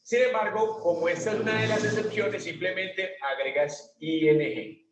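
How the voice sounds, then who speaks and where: A man with a high voice teaches an English grammar lesson, patiently putting questions to the class and answering them himself. He sounds a little far from the mic, in an echoey classroom. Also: moderate pace, noisy background. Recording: echoey room, voice from a distance.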